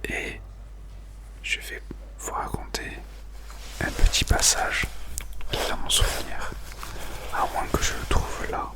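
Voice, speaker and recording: A man speaking in a breathy, unvoiced whisper, presenting and reading books in an informal ASMR style. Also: takes it slowly, long pauses, bright, forceful tone.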